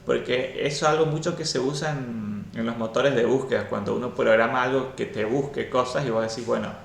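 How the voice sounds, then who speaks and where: A man's voice: medium pitch, fairly even intonation, brisk, gravelly, reverberant. A man teaching a programming class live and explaining step by step, often checking in with "¿sí?".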